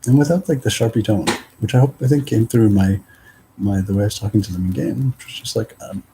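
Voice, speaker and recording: A man's voice: lowish voice, fast, noisy background. A man talking in a loose, meandering casual monologue, full of fillers and little quoted exchanges.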